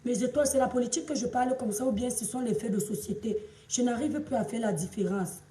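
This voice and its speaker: A high-pitched Cameroonian woman with a Cameroonian French accent, her voice hoarse from shouting, talking on a casual live stream. She greets viewers and lectures them in a chatty, pleading tone. She sits back from the phone in a roomy space. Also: quick pace, distant mic. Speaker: livestream influencer and seller. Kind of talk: casual Facebook live chat.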